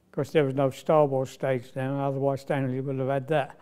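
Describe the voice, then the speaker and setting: A man in an interview, recalling his work on a film set in a relaxed, conversational way. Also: mid-range voice, normal speed, clear, resonant tone. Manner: conversational, with small restarts. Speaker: film crew member recalling a shoot. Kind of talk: interview recollection.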